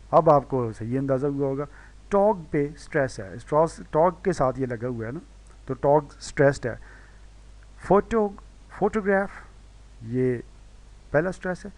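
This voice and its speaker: A man gives a recorded pronunciation lesson. He explains step by step, drawing out example words slowly and repeating them. When he slips, he says "sorry" and corrects himself. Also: on the high side. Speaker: English teacher.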